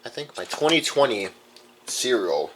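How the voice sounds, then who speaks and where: Indoors in a room with some background noise, a young radio collector casually rambles through a show-and-tell of his collection. His medium-pitched voice has a sing-song quality at a moderate pace.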